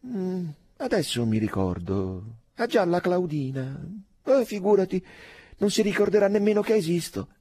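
A man's voice: sits high, sing-song, moderate pace, warm tone, husky, pitched above the performer's own voice, heavily acted. A man reading aloud, voicing a pale, aloof young male officer who answers in a dry, languid, indifferent way. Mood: detached.

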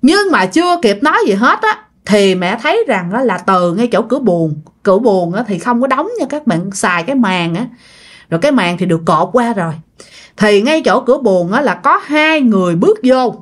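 Woman, Southern Vietnamese accent, mid pitch, casual ghost-story narrator who chats with her audience. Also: expressive. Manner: chatty, talks straight to listeners with drawn-out particles.

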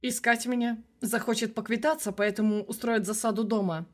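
A woman's voice: on the high side, steady tone, a little fast, natural voice. A woman reading the lines of a cool-headed young male hero in a dry, wry manner, close to her own voice.

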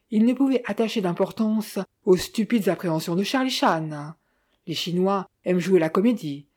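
A woman narrating an audiobook in a measured, even reading style. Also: fairly low pitch.

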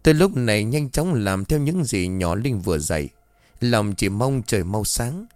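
Man narrating a slow, suspenseful horror story. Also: lowish voice, lively intonation, a little mellow, no room sound.

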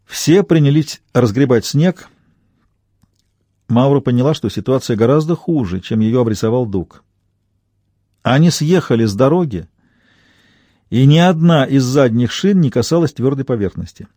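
A man narrating an audiobook with expressive storytelling. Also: mid-range voice, normal speed, pauses often, no room sound, clean studio sound. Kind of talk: scripted narration.

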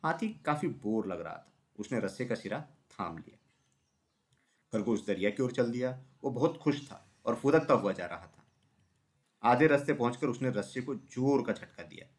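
A man narrating a children's storybook with expressive reading. His voice sits at an ordinary middle pitch for a man. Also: moderate pace.

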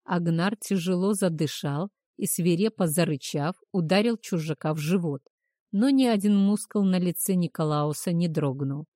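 A woman's voice: fairly low pitch, mellow, no room sound, clean studio sound. A woman narrating a first-person story expressively, rising on anxious questions. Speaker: audiobook narrator.

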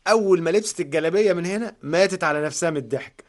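Man playing a breezy young village son, rapid-fire talk. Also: sits high, natural voice. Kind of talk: TV comedy drama acting.

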